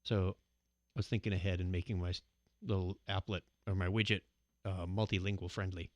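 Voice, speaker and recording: A man's voice: low-pitched, steady tone, fairly quick, no echo. A man co-hosting a live coding show, casually thinking aloud as he types and walks through his code. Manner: thinks aloud while typing code, easygoing.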